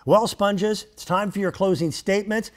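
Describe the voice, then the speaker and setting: A man in his fifties playing a composed TV debate moderator, measured and mock-solemn, stretching words for emphasis. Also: high-pitched, steady tone, natural voice. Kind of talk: mock news debate hosting. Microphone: lapel mic.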